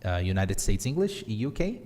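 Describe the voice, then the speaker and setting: This English teacher and podcast host, whose accent is Brazilian Portuguese, leads a lively online lesson, cheerfully weaving English phrases into his explanations. His fairly low, darkish voice is very animated at normal speed, and the room sounds large.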